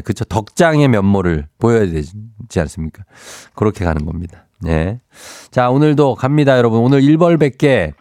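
A man's voice: on the low side, darkish tone, no echo, studio quality. A man hosting a morning radio show, chatting playfully and reading listener texts aloud. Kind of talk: casual morning radio chat. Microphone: studio microphone.

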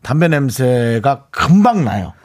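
A man's voice: mid-range voice, very animated, a little mellow. A man in his forties co-hosting a radio show, chatting casually with an easygoing manner and lots of fillers. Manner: easygoing, drawn-out pauses, many fillers. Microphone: studio microphone.

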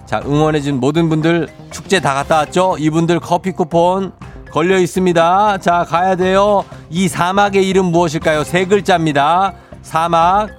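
Man in game show host mode, higher-pitched. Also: fairly even intonation. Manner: game show host delivery, drawn-out suspenseful questions and announcements. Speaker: radio DJ hosting a phone-in quiz. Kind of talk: live radio quiz show hosting and casual chat. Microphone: close studio microphone. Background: music bed.

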